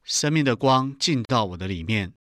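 A man's voice: medium pitch, animated, normal speed, fairly bright tone, no echo, clean studio sound. A middle-aged man earnestly telling his personal testimony in an interview. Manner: earnest storytelling, acts out quoted voices. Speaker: guest giving testimony.

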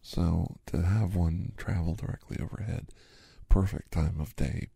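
A man playing a gravelly fifty-something doctor in whispered role-play. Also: low-pitched, fairly even intonation, a little slow, dark tone, no room sound, heavily acted. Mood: chatty. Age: 50s. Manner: rambling, easygoing, half-whispered. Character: chatty fifty-something male doctor giving a massage. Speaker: ASMR host.

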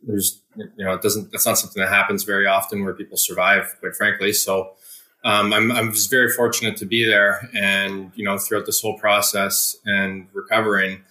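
A young man, a hockey player from Ontario, telling his story in an interview in an earnest, measured way with many fillers. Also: fairly low pitch, little pitch movement, sharp tone, echoey room. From Ontario, Canada. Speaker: guest, pro hockey player.

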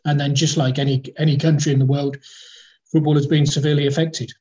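A slightly high, darkish male voice on a dull call line talks fast but flatly, rambling and hesitant with many fillers and restarts. He's a former football club chief executive appearing as a guest on a casual podcast interview from the capital of Kazakhstan.

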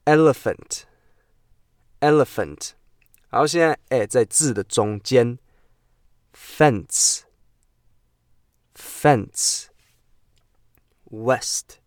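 A man teaching English pronunciation on a podcast, playful and repeating words slowly for drilling. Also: medium pitch, dry recording, clean studio sound. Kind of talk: podcast lesson. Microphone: podcast mic.

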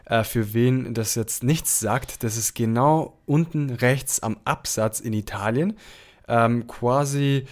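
A young man from Apulia in southern Italy hosts a podcast, giving long, rambling answers full of fillers in casual conversation. His voice is mid-range and slow.

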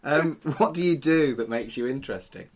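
A man's voice: medium pitch, animated, a little fast. A middle-aged man, hosting a podcast in an informal, teasing, chatty way. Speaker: podcast host, funeral celebrant.

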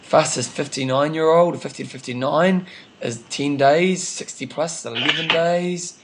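A man's voice: fairly high pitch, moderate pace, noisy background. A man with a broad New Zealand accent chatting casually and informally as a podcast host, using plenty of slang. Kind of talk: casual co-hosted sports chat.

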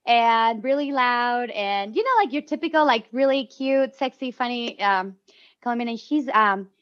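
A woman whose first language is Spanish talks as a podcast guest. She is loud and animated, with a slightly high voice. The recording sounds dull and lo-fi. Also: moderate pace. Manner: loud and animated by her own account. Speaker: podcast guest, life coach. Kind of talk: casual podcast chat.

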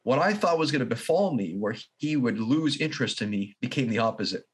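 Husky-voiced man telling a personal story. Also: mid-range voice, lively intonation. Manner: earnest, halting, with restarts and soft laughs. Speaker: podcast guest. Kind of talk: reflective personal storytelling in an interview.

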